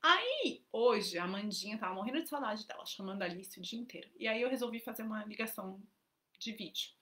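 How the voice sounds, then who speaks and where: Chatty, bright-voiced woman. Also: fairly high pitch, animated, fast talker. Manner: chatty storytelling, many fillers like "né" and "então". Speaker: parenting educator, mother of young daughters. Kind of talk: casual live talk.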